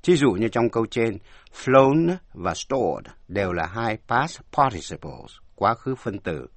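Slow, careful male English teacher. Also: on the low side, very animated, no room sound. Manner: slow, careful, spells words out letter by letter. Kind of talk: language lesson narration.

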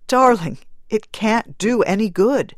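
A woman voicing a gentle, worried husband who coaxes his grieving wife. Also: fairly low pitch, lively intonation, slow pace, no echo, studio quality. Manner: gentle, coaxing.

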